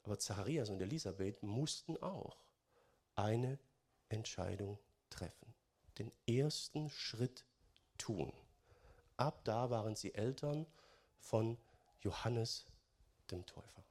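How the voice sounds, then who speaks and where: A man giving a sermon in German, chatty and conversational, often adding "ne?" and swinging between loud stressed phrases and quiet musing. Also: lowish voice, expressive, slow pace, long pauses. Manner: conversational, keeps adding "ne?" tags. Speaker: preacher.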